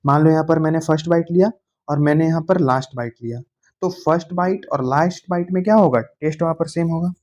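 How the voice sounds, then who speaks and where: A male science teacher gives a school lesson in a mellow, fairly high voice. He reads textbook English slowly, then explains in casual Hindi and keeps checking that students follow. The sound is dull and lo-fi. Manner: coaxing, informal, addresses students as bhaiya. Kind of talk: classroom lecture to school students.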